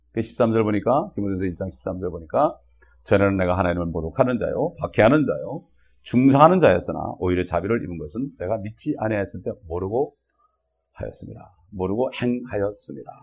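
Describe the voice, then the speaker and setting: Husky-voiced male preacher. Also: deep voice, expressive, fast, muffled recording. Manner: conversational preaching with frequent "어?" and "예?" checks. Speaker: pastor. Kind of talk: sermon.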